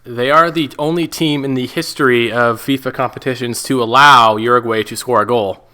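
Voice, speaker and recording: A young man co-hosting a playful mock sports draw show, hamming up each reveal like an excitable announcer. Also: mid-range voice, normal speed. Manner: excitable announcer, hams up the draws.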